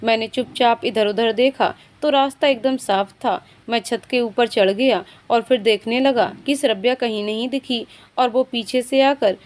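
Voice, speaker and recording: Woman narrating a story in a high voice. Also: moderate pace, hardly any pauses, darkish tone. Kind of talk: scripted first-person story narration.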